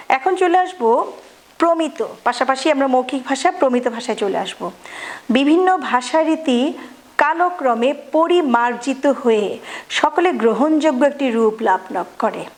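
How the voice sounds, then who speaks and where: High-voiced woman teaching a grammar lesson. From Bangladesh. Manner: explanatory, repeats and rephrases, frequent fillers.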